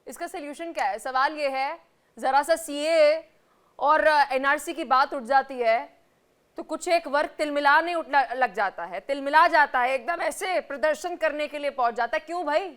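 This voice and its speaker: A woman anchoring a heated TV news debate, forceful and rapid-fire, cutting in on her guests. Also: high voice.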